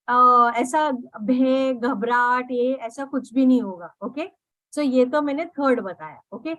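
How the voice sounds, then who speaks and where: A woman teaching meditation, guiding listeners step by step at an unhurried pace and often checking in with "okay". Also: sits high, no echo, rough recording. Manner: unhurried, repeats "okay" often, mixes in English words. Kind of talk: guided meditation instruction.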